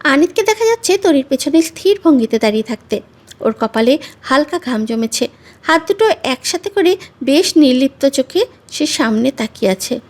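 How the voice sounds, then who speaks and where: A woman storyteller giving expressive, measured narration of a romantic story. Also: sits high.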